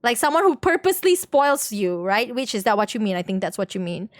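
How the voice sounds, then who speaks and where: In this clip a giggly woman streamer chats casually with viewers during gameplay. Her fairly high, animated voice runs a little fast, and the studio-clean recording has no echo.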